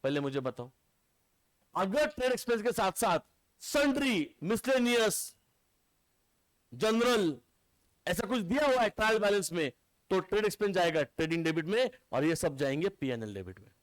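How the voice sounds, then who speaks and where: A man's voice: sits high, big pitch swings, moderate pace, pauses often, dry recording. A man teaching accounts to a class, quizzing his students and mixing terms into his speech. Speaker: commerce teacher. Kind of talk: classroom lecture.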